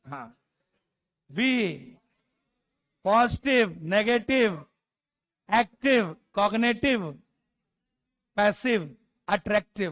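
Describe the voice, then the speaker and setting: Man, grammar teacher, high voice, slow delivery, classroom lesson, spells words letter by letter, jokey scolding. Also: a bit bright. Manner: drills word lists aloud, spells letters out, scolds students jokingly. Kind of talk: classroom lecture.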